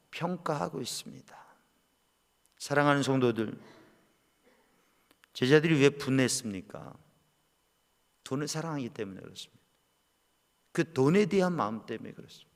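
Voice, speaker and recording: A man preaching a sermon as pastor, swinging between loud impassioned cries and quiet low asides. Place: church sanctuary. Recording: long church-hall reverb.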